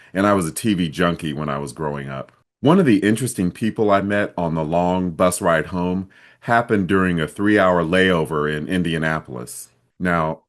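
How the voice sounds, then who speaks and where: A man from Ohio, a vlogger, telling a travel story in a steady, plain way. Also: sits low.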